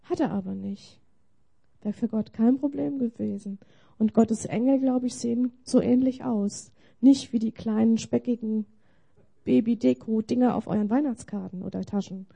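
A woman preaching a Christmas sermon, measured and plainspoken as she tells a story to the congregation. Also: on the high side, vocal fry, mellow, breathy edge.

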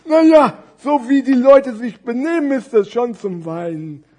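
A man's voice: extremely high pitch, lively intonation, measured pace, darkish tone, voice pushed up, full character voice. A dim, curious fat scarf gift, as a man puts it on. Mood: puzzled. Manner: naive, mixes up words. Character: thick, slow-witted scarf gift, curious.

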